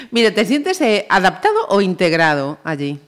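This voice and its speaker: An interviewer with a smooth, clear voice asks short questions and keeps the conversation moving with quick acknowledgements. The tone is casual and even. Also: mid-range voice. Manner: short prompts and frequent acknowledgements.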